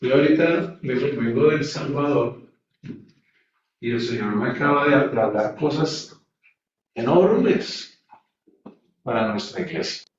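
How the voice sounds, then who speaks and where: With a medium-pitched voice and slight background noise, a man leads a Bible class in a sermon-like way, pushing his points and asking rhetorical questions. A distant mic leaves the audio echoey and dull.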